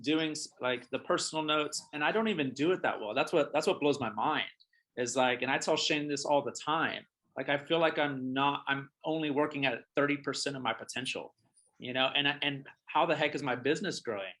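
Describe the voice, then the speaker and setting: A man's voice: on the high side, fairly quick, pushed and bright. A man hosting an interview as a realtor, talking casually and hesitantly with repeated words and fillers.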